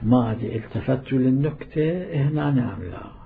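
A man's voice: mid-range voice, a little fast, creaky, breathy edge. A man with an Iraqi Arabic accent preaching a sermon as a cleric, emphatic and scolding, repeating his points. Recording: tinny phone-like sound.

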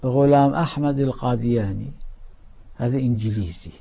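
Gravelly preacher man, hushed to loud. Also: medium pitch, brisk. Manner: swings between loud declaiming and hushed asides. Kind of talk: sermon.

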